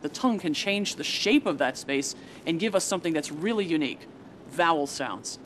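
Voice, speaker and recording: A woman's voice: low voice, expressive, moderate pace. Woman scientist explaining anatomy, faint background noise. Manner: step-by-step, plain-worded explaining. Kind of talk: explanatory documentary demonstration.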